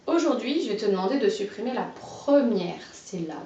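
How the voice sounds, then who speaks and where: A woman guiding a child through a phonology lesson, giving clearly pronounced words one at a time and encouraging replies. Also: medium pitch, expressive, mellow, far from the mic, a little hiss or hum. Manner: slow, carefully articulated, encouraging. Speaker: teacher of a phonology exercise. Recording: dull, roomy, off-mic sound.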